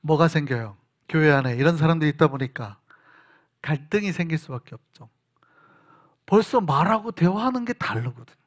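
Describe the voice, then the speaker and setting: A man preaching a sermon as pastor, telling stories in an animated way and acting out bits of dialogue. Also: fairly high pitch, a little fast, long pauses. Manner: storytelling, animated, acts out dialogue. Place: church sanctuary.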